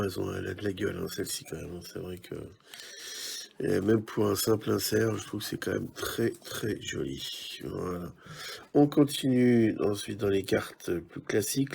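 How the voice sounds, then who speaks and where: A man's voice: low-pitched, vocal fry, a little mellow, slightly rough. A man giving casual, chatty commentary while opening trading card packs, musing aloud with many hesitations.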